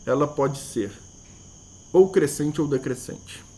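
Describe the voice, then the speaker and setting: A man's voice: fairly high pitch, slow pace, a little mellow. A man teaching a math lesson, thinking aloud, repeating key words and asking himself rhetorical questions, with a Brazilian Portuguese accent. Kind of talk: explanatory video lesson.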